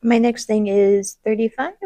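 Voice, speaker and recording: A woman's voice: on the high side, fairly even intonation, moderate pace, dark tone, dry recording, clean studio sound. A woman co-hosting a casual commentary podcast, rambling with lots of "um"s and playful sound-effect noises. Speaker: podcast co-host.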